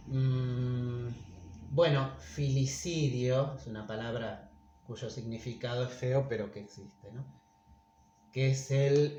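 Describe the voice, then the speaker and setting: A Spanish teacher, male, with a medium-pitched, somewhat dark voice, gives a casual video lesson, thinking out loud and using lots of fillers. The room echoes, the sound is dull, and there's faint noise.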